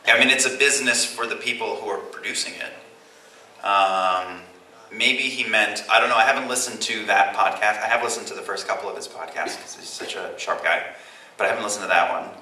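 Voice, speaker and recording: Echoey bright-voiced man answering fans. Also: on the low side, a little fast. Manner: chatty and self-deprecating, rambling answers with restarts. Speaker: voice actor answering fan questions on a convention panel. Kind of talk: casual panel Q&A. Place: large convention hall, live audience. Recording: echoey convention hall, distant mic, faint hiss.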